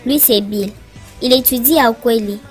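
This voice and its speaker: Over music, a woman plays Sonia, the cartoon's cheerful schoolgirl narrator, introducing her friends in a friendly way that explains things. The performance is lightly acted, fairly high in pitch and at a moderate pace.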